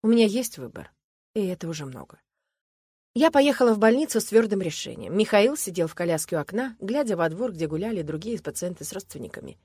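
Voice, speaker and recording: A woman's voice: mid-range voice, sing-song, fast, mellow, husky, no echo, studio quality. A woman reading a first-person story aloud, in an earnest, reflective and emotional way.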